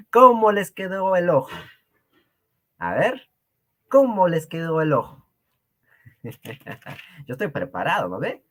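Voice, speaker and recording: A man's voice: a little high, huge pitch swings, drawn-out words, pauses often, a bit bright. A man with a Peruvian Spanish accent teaching an online Quechua class, joking with his students and laughing often.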